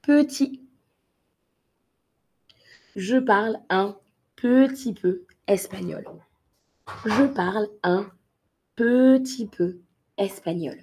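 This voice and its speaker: Slow, breathy woman teaching French. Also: medium pitch, mellow. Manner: slow and deliberate, repeats each word and example for learners; greets viewers in the chat by name. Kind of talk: live online vocabulary lesson.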